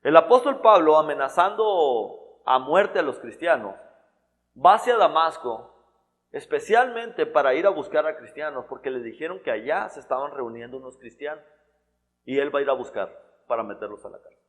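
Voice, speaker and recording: A man's voice: on the high side, expressive, normal speed. A man preaching a sermon in a church hall, in a conversational style full of restarts and repeated words.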